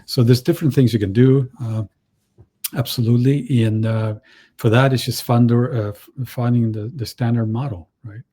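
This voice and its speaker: A man who grew up in Chile, speaking as a panel guest in a halting way, with many restarts and fillers. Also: medium pitch, fairly even intonation, dark tone. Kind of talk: panel discussion.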